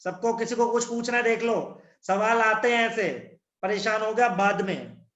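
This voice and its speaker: A man's voice: sits high, normal speed, a bit bright. Man teaching with echoing voice. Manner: blunt, teasing, scolds students. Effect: echoing voice, like in a cave. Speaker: chemistry teacher. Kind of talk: online class lecture. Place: his own room. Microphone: no earphones, device mic. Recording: echoey, dull online class audio.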